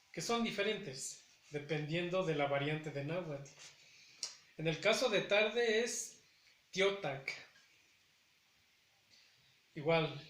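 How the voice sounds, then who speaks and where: A man's voice: a little high, a bit bright, roomy sound. A man teaching a language lesson, carefully repeating each word with hesitant fillers between phrases. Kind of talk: slow spoken language lesson.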